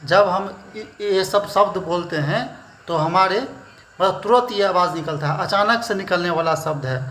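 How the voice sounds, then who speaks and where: Slow, high-voiced man teaching lessons. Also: fairly bright tone. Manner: slow and explanatory, repeats "theek hai" after each point. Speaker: shorthand teacher. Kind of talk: classroom lesson.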